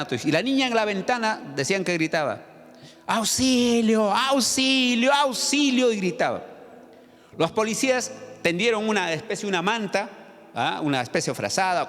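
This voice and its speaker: A man's voice: high voice, fairly bright tone. A man, the pastor, preaching a sermon with dramatic storytelling and questions to the congregation. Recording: long church-hall reverb, faint music.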